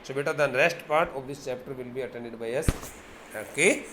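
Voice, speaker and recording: A man's voice: mid-range voice, a little fast, background noise. A man with an Indian English accent teaching an English lesson, who goes through a story line by line and often repeats and rephrases his words. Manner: repeats and rephrases words, fillers and self-corrections. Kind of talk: lecture explaining a story line by line.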